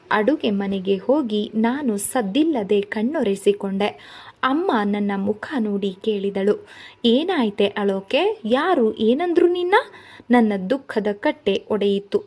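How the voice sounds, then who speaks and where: Woman narrator reading a novel aloud, slow and even, mid-pitched, measured delivery. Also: breathy edge. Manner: measured, first-person narration. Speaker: storyteller.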